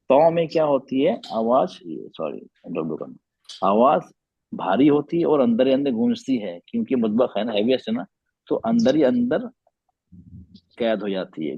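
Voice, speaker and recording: A male teacher leads an online class in Quran recitation, patiently drilling sounds and asking his students questions. His voice has a slightly husky edge. The audio is dry and muffled, like a dull online call. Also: medium pitch, dry recording.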